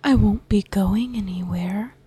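A woman whispering softly in a soothing, doting ASMR roleplay. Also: medium pitch, unhurried, husky.

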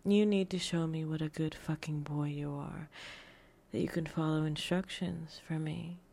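A woman whispering a teasing, dominant audio roleplay in a breathy voice, with soft chuckles between phrases. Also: low-pitched, steady tone, normal speed.

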